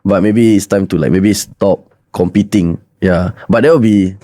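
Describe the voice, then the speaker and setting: A man's voice: deep voice, steady tone, normal speed, dark tone, dry recording. A young man with a Singaporean or Malaysian accent chatting casually as a podcast guest in colloquial local slang English sprinkled with "lah". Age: young adult. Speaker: podcast guest, competitive bodybuilder.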